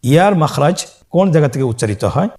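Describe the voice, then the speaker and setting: Pitched on the high side, this man's darkish voice is expressive and shows vocal fry. He teaches Quran reading through a scripted lesson on Arabic letters, going step by step and singing each letter name slowly for listeners to repeat.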